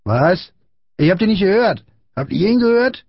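Man putting on a loud jeering school bully. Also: sits high, very animated, moderate pace, creaky, husky, no room sound, muffled recording, voice pushed up, exaggerated voice. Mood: taunting. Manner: jeering, aggressive shouting.

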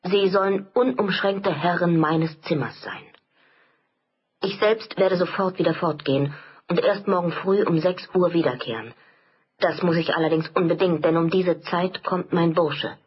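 Woman voicing a young officer, husky, quick and reassuring. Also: highs cut off. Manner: brisk, reassuring, lowered pitch. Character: earnest young male army lieutenant.

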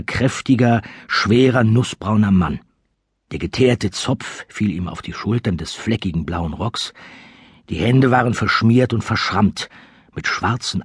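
A man reading an audiobook aloud as narrator, in a lively, expressive storytelling manner. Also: fairly low pitch, slightly rough, no echo, clean studio sound. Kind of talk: scripted narration.

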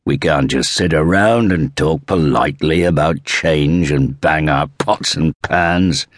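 A man voicing a big, middle-aged anarchist with a deep rumbling voice, scornful and forceful. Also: a little slow, dry recording, studio quality.

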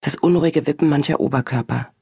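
A woman narrating a novel in the first person, in a measured and reflective way. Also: low voice, vocal fry, mellow, slightly rough, dry recording, clean studio sound. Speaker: audiobook narrator.

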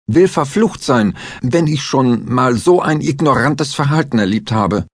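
A man's voice: fairly low pitch, normal speed, breathy edge, no room sound, voice pushed up. A man voicing a coarse, overweight male lawyer who whines and curses indignantly, in an audiobook thriller. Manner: whiny, indignant, cursing.

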